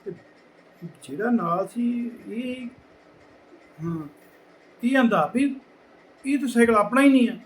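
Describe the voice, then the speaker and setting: A middle-aged man with a Majhi Punjabi accent telling a village anecdote casually, acting out the people in it and dropping to hushed tones. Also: very high-pitched, slow pace, long pauses, slight background noise, poor audio. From Punjab border region. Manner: lively, acts out quoted people, drops to hushed tones. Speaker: storyteller.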